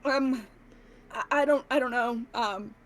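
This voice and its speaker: A woman's voice: a little high, a little slow, rough recording. A woman player in a casual tabletop game, improvising in and out of character.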